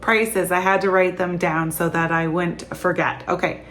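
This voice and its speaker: Chatty Canadian woman, tired, laughs a lot, lowish voice, faint room hum. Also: level tone, moderate pace, fairly bright tone. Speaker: vlogger. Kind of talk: casual chat to camera.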